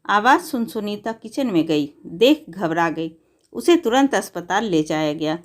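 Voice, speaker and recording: A woman tells a scripted moral story for a family audience. Her mid-pitched voice stays measured and even, a calm storybook reading from start to finish.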